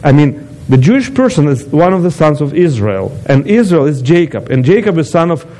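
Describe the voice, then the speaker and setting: Mellow-voiced man from Ukraine giving a testimony. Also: a little high, big pitch swings, a little fast, poor audio. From eastern Ukraine. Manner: non-native phrasing, chatty with asides to the audience. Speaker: guest speaker giving a testimony. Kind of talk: personal testimony talk.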